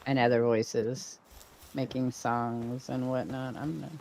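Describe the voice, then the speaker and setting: An older woman chats loosely while she plays, her sentences wandering and trailing off. Her voice has a gravelly, creaky grain. A faint hiss sits underneath. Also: extremely low pitch, fairly even intonation, measured pace, a little mellow. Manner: rambling, trailing off mid-sentence. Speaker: streamer. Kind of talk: casual gameplay chat.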